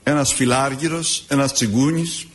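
A man preaching a sermon as an Orthodox preacher, telling stories in an expressive, drawn-out way. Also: mid-range voice. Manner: expressive, drawn-out storytelling delivery.

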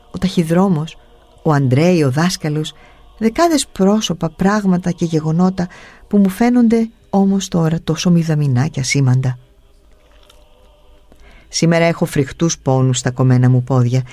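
A man's voice: on the high side, warm tone, dry recording. A man giving a grave, somber dramatic reading of a first-person story over faint music. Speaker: narrator.

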